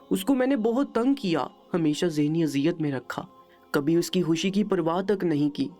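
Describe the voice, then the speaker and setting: A woman voicing a crippled, remorseful grown son in a storybook narration, read in a steady, plain way. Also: fairly low pitch, lightly acted.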